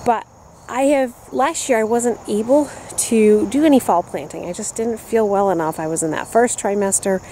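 Woman in her 30s chatting through her garden tour, mellow voice, handheld cam outside, faint crickets. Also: a little high, moderate pace, slight background noise, poor audio. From upstate New York, US. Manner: chatty, upbeat, walking and pointing at plants. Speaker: gardening vlogger. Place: outdoor backyard vegetable garden. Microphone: handheld camera at arm's length. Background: crickets and insects.

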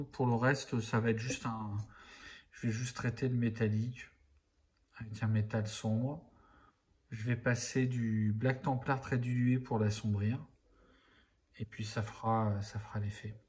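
Guy talking thru a paint tutorial, relaxed, lots of euh, goes quiet n murmury while painting. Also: medium pitch. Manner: relaxed, rambling, many fillers, drops to a murmur while working.

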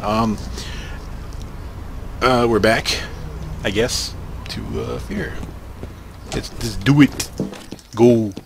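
A young man commenting casually on a game he is playing, joking and swearing in excited outbursts. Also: medium pitch, drawn-out words, vocal fry, pauses often, background noise. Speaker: gaming channel host.

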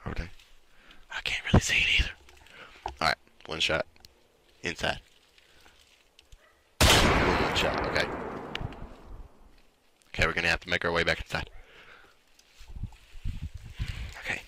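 A man's voice: low-pitched, completely flat delivery, normal speed, pauses often, pushed and bright, slight background noise. A man putting on a country accent while giving nervous, jumpy gameplay commentary. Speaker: gamer.

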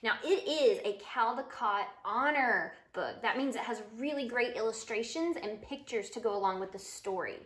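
Her voice is a little high and a bit bright, moving at normal speed with few pauses. She's a mother in her thirties on her living room couch, reading a children's picture book aloud expressively, explaining it and questioning the children. A roomy living-room echo fills the recording.

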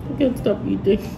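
A woman's voice: mid-range voice, gravelly, background noise. Filipino woman talking while chewing. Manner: mixes English and Tagalog, savoring. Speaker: food reviewer. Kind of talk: casual food review. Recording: music playing behind.

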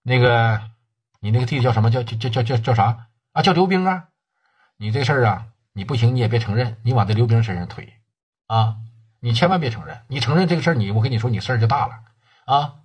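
A man's voice: mid-range voice, animated, quick pace, breathy edge. A man voicing a slick, evasive man who pushes the blame away and repeats himself to drive the point home. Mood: insistent.

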